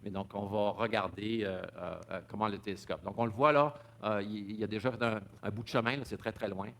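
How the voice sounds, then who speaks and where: A man's voice: fairly low pitch, fairly even intonation, a little fast, a bit bright. A man giving a public talk, stumbling over repeated words and fillers. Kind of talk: public lecture with slides.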